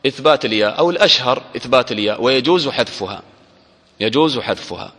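Guy teaching a class, mid-pitched voice, keeps quizzing the room, long echo off the hall. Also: expressive, sharp tone. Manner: quizzes listeners with short questions; stretches out quoted example words slowly. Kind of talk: grammar lesson to a class.

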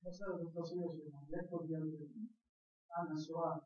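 A man moderating a religious lecture, reading listeners' questions aloud in a flat, rapid way. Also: fairly high pitch. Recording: tinny, roomy, far from mic.

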